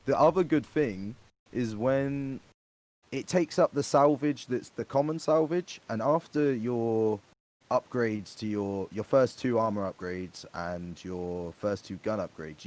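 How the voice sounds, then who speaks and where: Low-voiced man explaining game tactics. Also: measured pace, low-quality recording. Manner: explanatory, trailing off softly. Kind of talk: casual gaming podcast chat.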